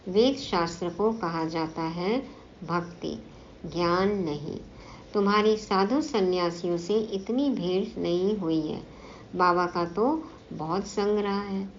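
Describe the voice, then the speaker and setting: A woman giving a spiritual discourse, reading and explaining it slowly and repeating points so they sink in. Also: on the low side. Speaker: spiritual class teacher. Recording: dull lo-fi recording with faint background noise.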